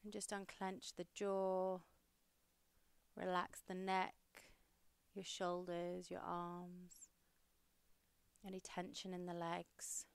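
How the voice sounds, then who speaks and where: A young woman hosting a podcast, leading a guided meditation in a slow, soothing, steady way. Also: on the low side, gravelly, clear, resonant tone, no echo.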